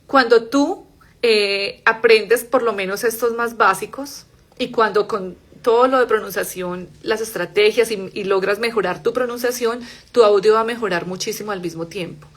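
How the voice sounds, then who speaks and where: A young woman who speaks Spanish runs a live English pronunciation class, giving explanations in Spanish and saying English words slowly and softly. Her voice sits in the mid range.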